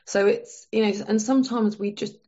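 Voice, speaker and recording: A woman's voice: mid-range voice, fairly even intonation, normal speed, mellow, dull audio. A woman guest talking casually in a podcast interview, chatty and full of fillers and restarts. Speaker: menopause coach, guest.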